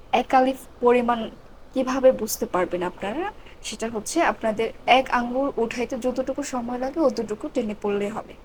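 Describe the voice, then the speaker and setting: A woman teaching Quran reading, spelling out letters and repeating each syllable slowly. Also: fairly high pitch, darkish tone, slight background noise, poor audio. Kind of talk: slow step-by-step recitation lesson.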